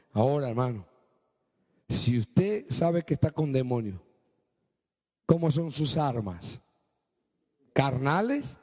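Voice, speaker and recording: A man preaching a sermon as pastor, swinging between low, slow stretches and high, emphatic bursts. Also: mellow, big-room sound.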